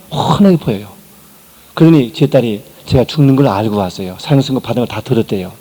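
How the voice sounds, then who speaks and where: An older man, a pastor, giving a sermon testimony, telling his story with quoted dialogue and swings between soft and loud delivery. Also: medium pitch, poor audio. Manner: storytelling with emotional quoted dialogue, rising and dropping loudness.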